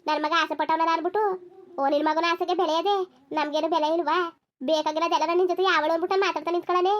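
A woman voicing a fiery young village bride in a cartoon, scolding in rapid-fire retorts with a rural Karnataka Kannada accent. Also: very high voice, steady tone, muffled recording. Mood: angry defiant. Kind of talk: cartoon voice acting.

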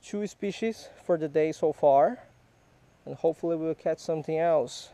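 Wearing a head-mounted action camera, a fishing vlogger patiently guides and quizzes a child in relaxed teaching talk beside a small creek in a park. His voice is a little high and mellow, at normal speed, in a dry recording.

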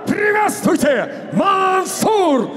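A man giving a booming stage introduction as a ring announcer, formal, with drawn-out shouted names. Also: sing-song, a little hiss or hum. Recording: booming hall reverb, faint crowd.

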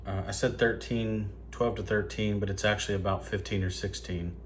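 A man's voice: fairly low pitch, steady tone, normal speed, slight background noise. A man casually explaining a hands-on craft step by step, with frequent ums and uhs. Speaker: lure-making video host. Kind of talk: casual how-to demonstration. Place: indoors at a tabletop workspace.

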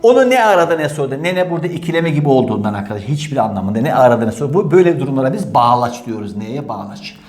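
A man's voice: mid-range voice, animated, racing, hardly any pauses, a little mellow. A man teaching grammar in an exam-prep lesson, emphatic, repeating key rules and voicing his students' questions. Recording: echoey room.

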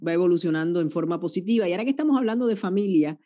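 Middle-aged woman host, warm low mellow voice, friendly interviewer at a podcast mic. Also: lively intonation, rapid-fire. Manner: friendly, prompts guest with asides. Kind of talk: interview hosting. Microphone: podcast mic on a stand.

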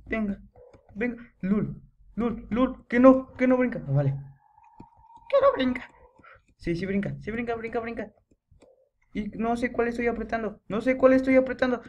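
Excitable young male gamer. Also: extremely high pitch, normal speed, lo-fi sound. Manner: excitable, chanting and yelling in panic. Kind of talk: horror gameplay commentary.

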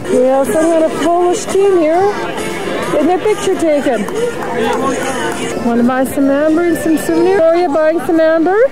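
A woman's voice: very high voice, moderate pace, over loud music, a loud crowd. A woman narrating her own home video as she films a trip, pointing out sights in short, plain remarks. The sound is old camcorder audio. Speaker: family traveler filming a trip. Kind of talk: casual narration behind a home video camera. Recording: noisy old camcorder audio on a moving train.

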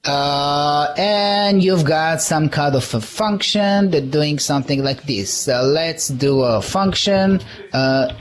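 A man giving a live conference talk, conversational, checking in with "all right?" and often restarting words. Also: on the high side. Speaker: conference speaker.

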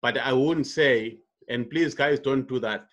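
A man's voice: mid-range voice, fairly bright tone, highs cut off. Man in his fifties coaching. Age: 50s. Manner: unhurried, repetitive, with frequent fillers and restarts. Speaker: network marketing coach. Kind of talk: online coaching presentation. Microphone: computer mic on a video call.

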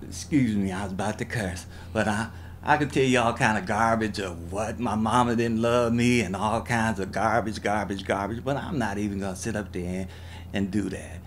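Blunt self-critical man, lowish voice. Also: normal speed, a little hiss or hum. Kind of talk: interview testimony.

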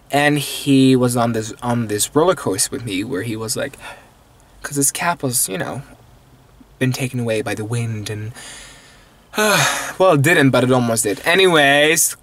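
A young man in his twenties, not a native English speaker, rambling playfully and mocking himself in a late-night vlog from a parked car, filmed on a phone held at arm's length. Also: mid-range voice. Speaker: vlogger. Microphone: phone camera held at arm's length.

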